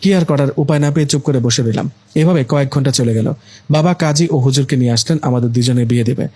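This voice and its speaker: A man narrating a first-person story in a lively, exclamatory way. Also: mid-range voice, fast talker, slightly rough.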